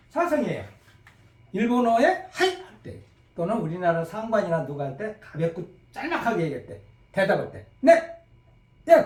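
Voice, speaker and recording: A middle-aged man teaching a recorded language lecture, acting out phone calls and crisp shouted replies to demonstrate tones. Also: sits high. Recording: echoey room, voice a bit far from the mic.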